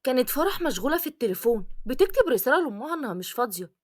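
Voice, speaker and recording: A woman's voice: sits high, big pitch swings, rapid-fire, no echo, clean studio sound. A woman with an Egyptian accent narrating a storybook tale in a plain, matter-of-fact way. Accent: Egyptian Arabic.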